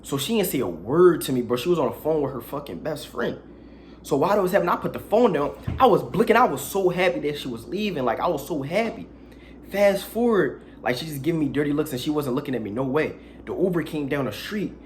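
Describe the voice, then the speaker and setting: A man's voice: a little high, animated, fast, slight background noise. A young man telling a crude, slangy story in a casual storytime vlog, with dramatic asides.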